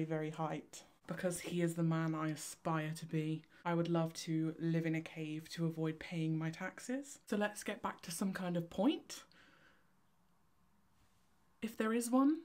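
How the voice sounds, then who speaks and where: Young cornish woman vlogging, talks fast and chaotic, kinda low voice. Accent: Cornish English. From Cornwall, England. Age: young adult. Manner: fast, chaotic, excitable rambling. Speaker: vlogger, photography student. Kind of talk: casual vlog chat to camera. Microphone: camera on tripod.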